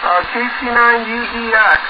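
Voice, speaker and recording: A ham radio operator checking into a net, speaking in plain, unhurried radio procedure with phonetic call signs, heard over AM radio full of static. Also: male voice, extremely high pitch, fairly even intonation. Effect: received over AM radio with heavy static. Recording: dull lo-fi radio with loud static.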